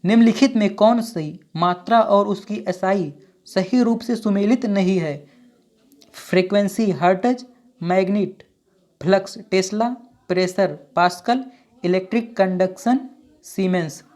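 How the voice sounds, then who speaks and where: A woman's voice: medium pitch, unhurried. Woman running through exam questions. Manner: reads each question and options, then gives the answer; steady, repetitive phrasing. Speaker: teacher. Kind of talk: exam quiz walkthrough.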